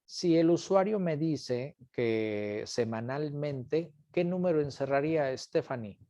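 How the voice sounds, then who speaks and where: Patient man leading an online class, mellow dry voice, repeats himself. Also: on the high side, lively intonation, takes it slowly, no echo. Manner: patient, repeats questions and calls on students by name. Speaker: instructor.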